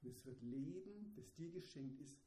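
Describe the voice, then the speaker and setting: Dark-toned man preaching in an echoey room. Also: mid-range voice, lively intonation, moderate pace, slight background noise. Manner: swings between hushed asides and emphatic raised passages. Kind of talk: sermon.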